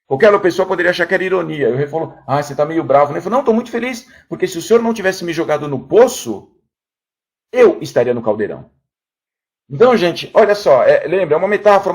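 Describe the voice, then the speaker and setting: A man's voice: fairly high pitch, darkish tone. A man giving a company training talk, telling a parable and often calling out to his audience. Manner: storytelling, keeps addressing the crowd as "gente". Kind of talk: motivational talk to a room.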